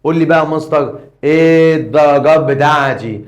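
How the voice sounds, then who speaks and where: A man's voice: on the high side, natural voice. A man voicing a cheeky teenage schoolboy who talks back, with an Egyptian Arabic accent. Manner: pushy, quick comebacks. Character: cheeky teenage boy student, mouthy. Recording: echoey room.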